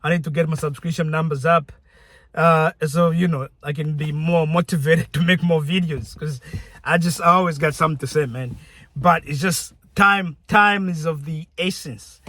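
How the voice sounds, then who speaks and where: A young Zambian man, a YouTuber, chats casually to his viewers straight to camera, frequently restarting his sentences. His voice is a little high and steady at a normal speed, with a pushed, bright quality and no echo.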